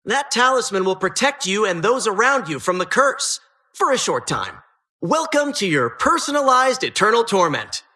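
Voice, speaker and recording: A video game announcer voices a gleefully sinister female dungeon host, mock-welcoming and theatrically polished with a sardonic edge on every line. Her bright, forceful voice is medium-pitched and sing-song, leaping up and down as she teases, at a moderate pace.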